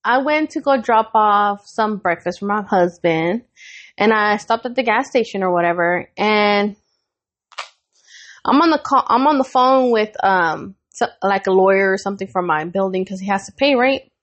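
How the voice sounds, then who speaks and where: A young adult woman co-hosting a podcast, telling a story in casual chat, animated and profane and laughing often. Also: mid-range voice, moderate pace. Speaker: podcast co-host.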